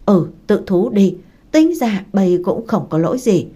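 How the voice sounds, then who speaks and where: A woman voicing a gruff, fatherly older village uncle who gives orders, with a Southern Vietnamese accent. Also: mid-range voice, sing-song, measured pace, dark tone. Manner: gruff, commanding.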